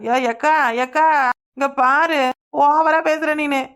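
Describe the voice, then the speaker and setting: A woman as a flustered young cartoon sister-in-law, high, pleading, fretful. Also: fairly even intonation, takes it slowly. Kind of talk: cartoon voice acting.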